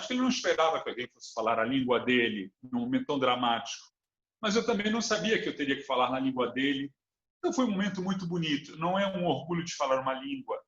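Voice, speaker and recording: A man's voice: mid-range voice, a bit bright. A man from Brazil with a Brazilian Portuguese accent, speaking as an interview guest in an earnest, thoughtful way and building his points with examples. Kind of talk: reflective interview talk. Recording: roomy, dull lo-fi sound.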